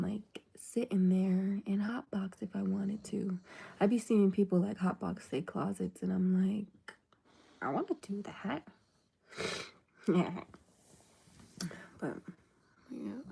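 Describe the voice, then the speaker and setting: A woman's voice: mid-range voice, steady tone, slow pace, gravelly, long pauses, dark tone, breathy edge. A woman chatting casually on a livestream, laid-back and rambling, often dropping into a half-whisper. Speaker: livestream host.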